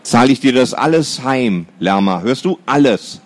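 A man's voice: mid-range voice, expressive, measured pace, close to an everyday voice. A man voicing a sulky, cheeky boy with a stuffed-up nose in a children's audiobook. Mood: grumbling. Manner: stuffy-nosed, sneezy.

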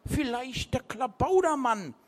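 A gruff old seafarer with a flask always at hand, talking in a thick, slurred coastal dialect, as a man puts him on. He sits well above the reader's own pitch and swings about loudly. He is superstitious and grimly amused. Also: expressive, unhurried. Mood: gruff, slurring. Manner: slurred, dialect-tinged speech. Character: tipsy old male sea captain, gruff and superstitious.

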